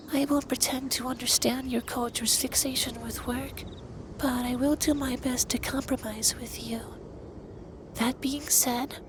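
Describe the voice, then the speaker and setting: In an intimate ASMR roleplay, a man with a very high voice plays a centuries-old, androgynous male dragon, a stern but caring lover. He speaks formally and earnestly, with deliberate phrasing, in a firm yet caring scripted monologue aimed at the listener. The recording has clear background noise and ambience.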